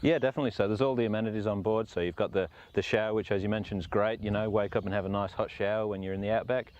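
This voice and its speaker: A man's voice: lowish voice, fairly even intonation, very fast, a little mellow, lo-fi sound. An Australian man in his thirties giving a casual, matey product walkthrough. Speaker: product demonstrator. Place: outdoors and inside a camper.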